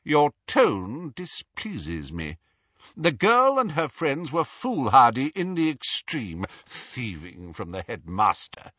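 A male narrator performs a sneering old professor living in a portrait, husky and swooping in pitch. He speaks with formal, indignant pomposity, as in a storybook read aloud. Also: wildly swooping pitch, takes it slowly, bright, forceful tone, dry recording, lo-fi sound, full character voice. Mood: haughty, demanding.

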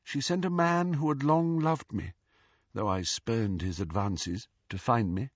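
Man voicing a haughty ghost lady, slow and guarded. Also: mid-range voice, dry recording, highs cut off, close to an everyday voice. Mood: confessional. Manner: stiff, disdainful, guarded. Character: haughty, proud young woman ghost, cold and guarded. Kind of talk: audiobook character voice.

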